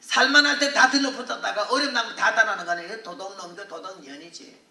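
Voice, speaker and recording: An older woman missionary preacher telling a testimony in a revival sermon, earthy and animated with laughter. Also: mid-range voice, fast. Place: large hall at a prayer retreat. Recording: echoey hall, voice from far off.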